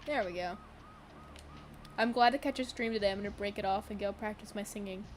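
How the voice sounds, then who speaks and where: A woman's voice: mid-range voice, fairly quick, a little hiss or hum. A woman chatting casually while streaming a game, tired and yawning, rambling with lots of fillers and giggles.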